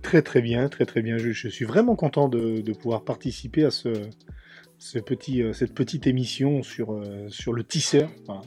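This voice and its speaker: A mid-pitched man speaks as a podcast guest. He stammers and repeats words as he says how glad he is to be there. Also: moderate pace, darkish tone.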